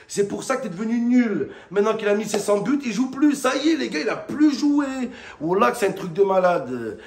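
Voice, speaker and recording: A man rants about a football match in a high, gravelly voice. He mocks the players loudly and breaks into sudden shouts. The room around him is echoey. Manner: loud, mocking rant with sudden shouts. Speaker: football fan vlogger. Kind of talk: ranting match debrief to camera.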